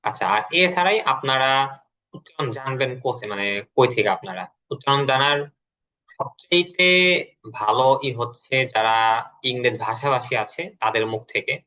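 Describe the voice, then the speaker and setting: A man's voice: mid-range voice, lively intonation, moderate pace, bright, forceful tone. A man teaching an English class online, explaining step by step and repeating words for the class to drill.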